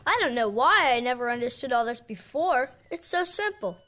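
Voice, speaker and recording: A woman's voice: a little high, animated, moderate pace, bright, forceful tone. A woman playing a naive, eager and vain youngster in a children's cartoon adventure.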